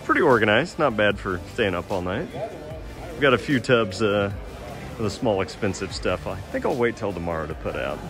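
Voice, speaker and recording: Over music, a man in his forties who sells truck parts films a casual vlog in a garage, a driveway and a large exhibition hall. He's chatty and upbeat with plenty of fillers, speaking in a lowish, animated voice at a fairly quick clip.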